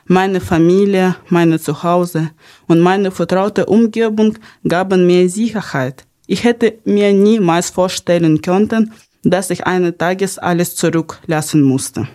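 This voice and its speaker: A woman's voice: fairly low pitch, dark tone. A young woman from Ukraine, hosting a podcast in an earnest, partly read style with small grammar slips. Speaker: podcast host.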